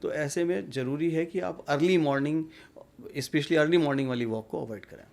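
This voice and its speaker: Male doctor guest, gravelly voice, measured explainer. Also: a little high, darkish tone. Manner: measured, explanatory, mixes English terms. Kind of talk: medical interview answers.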